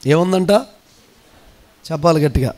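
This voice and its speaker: A male pastor from India with a Telugu accent, preaching a sermon that swings from low, quick talk to shouted commands and sing-song chanting.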